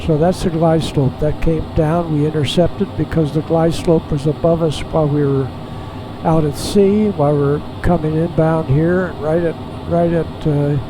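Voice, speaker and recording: A man flying a small jet who talks through each step in a relaxed, halting way, heard over a pilot headset in the cockpit. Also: fairly high pitch, rough recording. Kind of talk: casual narration while flying. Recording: steady cockpit and engine noise.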